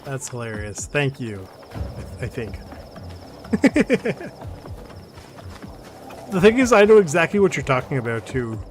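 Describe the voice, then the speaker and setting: A young man streaming a shooter game, talking in a loose, rambling way and laughing often as he answers his chat. His voice sits at a middle pitch, and clear gunfire and game noise crackle behind him. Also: big pitch swings, a little fast. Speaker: gaming streamer. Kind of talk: casual let's-play commentary. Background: game sounds, gunshots.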